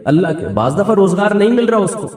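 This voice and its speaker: A man's voice: high-pitched, sing-song, darkish tone, recorded from a distance. A man with a Pakistani Urdu accent delivering an Islamic sermon, asking his audience questions, answering them himself and acting out the voices of people he quotes. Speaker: preacher. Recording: echoey hall, voice from afar.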